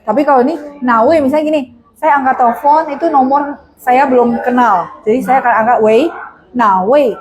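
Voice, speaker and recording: A woman teaching Mandarin in an online class, patiently explaining and modeling polite phrases slowly. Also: high-pitched, low-quality recording. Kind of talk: online language lesson.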